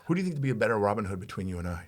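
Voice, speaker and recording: Male comic co-host, forties, very animated intonation, playful and giggly. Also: lowish voice, very fast. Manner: animated, laughs often, breaks into sung snippets. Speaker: podcast co-host and comedian. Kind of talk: casual comedic chat.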